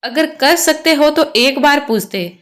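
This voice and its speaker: A woman voicing a young mother who is protective and resolute and speaks calmly but firmly. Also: high voice, a little slow. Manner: calm, resolute, pleading.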